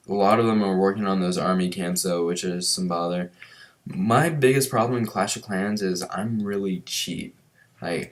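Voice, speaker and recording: A young man with a very low voice talks over his gameplay footage. His tone is relaxed and chatty as he walks through each move and offers tips, in the easy style of a home gaming channel. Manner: relaxed, chatty, explains his moves as he plays. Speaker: gaming commentator. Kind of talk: casual gameplay commentary.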